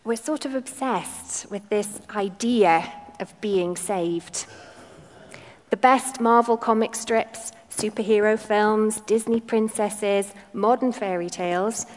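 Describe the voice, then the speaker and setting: A woman's voice: mid-range voice, slow, in a large hall. A woman giving a talk in a sermon, reading a story aloud expressively. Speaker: speaker.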